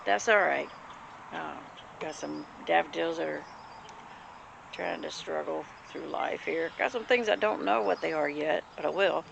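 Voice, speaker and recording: A folksy Southern US woman with a heavily creaky, gravelly voice on the lower side for a woman. She rambles in plain-spoken, homespun show-and-tell fashion. The recording is outdoors, with loud background noise and birds. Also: a little slow, lo-fi sound. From the American Deep South. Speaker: homesteader vlogger. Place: outdoors in a rural yard.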